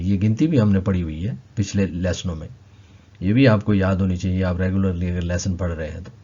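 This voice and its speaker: A man teaching a language lesson, slowly repeating each word several times. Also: low voice, warm tone, muffled recording. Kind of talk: explaining vocabulary lesson.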